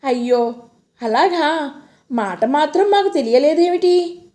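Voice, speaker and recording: A caring middle-aged mother in a storybook reading, soft and concerned, voiced by a woman narrator. Her voice sits high with a mellow tone. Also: slow pace.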